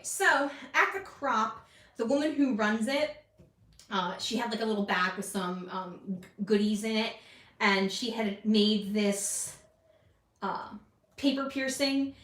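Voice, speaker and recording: A woman's voice: medium pitch, fairly bright tone, reverberant, recorded from a distance. A woman vlogging casually while she makes a scrapbook page, rambling and self-deprecating as she talks. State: hiccuping. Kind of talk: casual chat while crafting.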